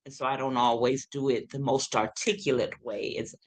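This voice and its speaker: A low-pitched woman in her sixties with a lateral lisp tells stories as an interview guest. She fills pauses with ums and springs into acted-out quotes. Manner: animated storyteller with many ums, acts out quotes. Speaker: guest, occupational therapist and singer. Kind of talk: casual interview chat.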